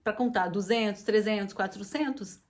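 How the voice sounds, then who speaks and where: A woman teaching in a casual video lesson, friendly and lively, breaking up her explanations with slow, clearly spoken English examples. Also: mid-range voice. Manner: friendly, addresses viewers as gente.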